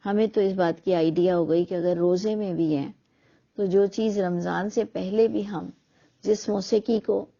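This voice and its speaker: Mid-range and warm, with vocal fry and fairly even intonation, a middle-aged woman muses on religious questions. Her monologue is earnest and argumentative, full of rhetorical questions, captured on a dull lo-fi recording.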